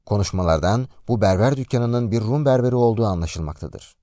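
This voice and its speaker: A man retelling a story aloud in a lively, expressive way. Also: on the low side, a little fast, no room sound, clean studio sound. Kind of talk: narrated story summary.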